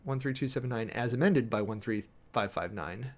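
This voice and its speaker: Speaking in a mid-range voice, a male streamer and preacher reads a document out loud and comments on it. His asides are dry and sardonic, and he alternates between quick reading and slow, emphatic pauses.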